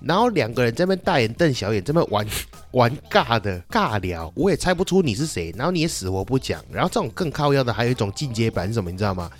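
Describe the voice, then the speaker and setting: A podcast host with a Taiwanese Mandarin accent rants quickly and swears freely, sounding like casual comedy talk. His pitch sits in the middle, but it swings all over the place as he gets worked up. The delivery is rapid and full of energy. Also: soft background music. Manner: profane, animated ranting.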